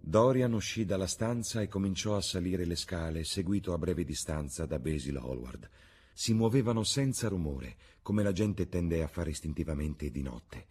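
Low-voiced man reading a novel aloud. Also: expressive, a little mellow, husky. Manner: measured literary narration. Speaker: narrator. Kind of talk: audiobook reading.

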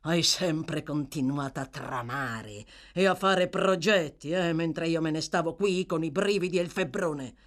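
A woman's voice: low-pitched, measured pace, few pauses. A woman voicing a sick, bitter male thug who growls and snarls with contempt in a storybook reading. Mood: surly.

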